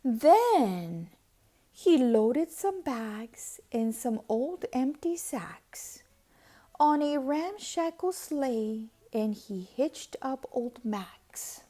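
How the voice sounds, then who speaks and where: A woman reading a children's storybook aloud in an expressive, deliberate, dramatic way, hushed at times. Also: high-pitched. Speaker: storybook reader.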